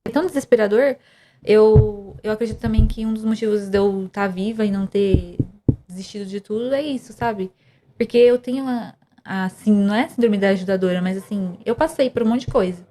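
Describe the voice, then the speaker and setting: A woman's voice: medium pitch, fairly quick, background noise. A young woman, earnestly telling a personal story of faith and depression as a podcast guest, with many restarts. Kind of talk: emotional personal testimony.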